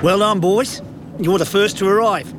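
Man as a high-pitched race official. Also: normal speed, natural voice. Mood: congratulatory. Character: congratulatory male race official. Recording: noisy outdoor traffic ambience.

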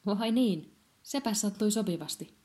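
A polite, hospitable miller, as a woman reader voices him, asking his guest questions in a kindly way in a storybook reading. The voice sits a little higher than the narration and stays mellow and warm. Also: expressive, close to an everyday voice. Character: friendly hospitable miller man, a kindly host.

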